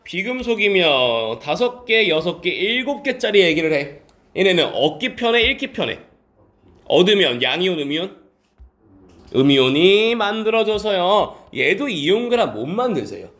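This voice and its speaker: A male science teacher giving a classroom lecture, calling on students by name and answering his own quick questions in polite speech mixed with casual talk. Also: sits high, a bit bright.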